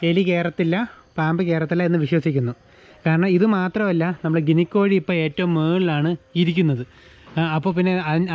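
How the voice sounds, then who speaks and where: A man from Kerala chatting casually as he shows off his backyard aviary outdoors, talking to his birds and helpers while his throat is sore from talking loudly. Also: high-pitched, muffled recording. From Kerala, India. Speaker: aviary vlogger. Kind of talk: casual vlog narration. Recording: loud rain noise outdoors. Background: rain and birds.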